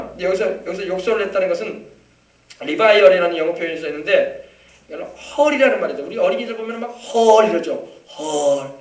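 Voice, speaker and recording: High-voiced pastor preaching in an echoey hall. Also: male voice, recorded from a distance. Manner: animated, asks the congregation questions. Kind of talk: sermon. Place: church sanctuary.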